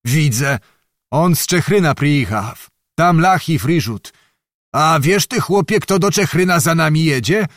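A man voicing a rough, squint-eyed Cossack herdsman who speaks in a surly, threatening way in a storybook. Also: a little high, lively intonation, measured pace, no echo, studio quality, voice pushed up.

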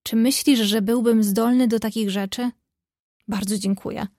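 A woman's voice: fairly high pitch, fairly even intonation, moderate pace, warm tone, no echo, natural voice. A woman voicing a playful, teasing young man in a read-aloud story, speaking lightly to a close friend.

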